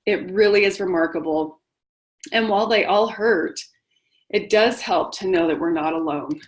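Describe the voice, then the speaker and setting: A middle-aged woman leads a motivational webinar, speaking directly to her audience in an encouraging, confiding tone. Her voice sits slightly low for a woman. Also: moderate pace, low-quality recording. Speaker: webinar host and widowhood coach.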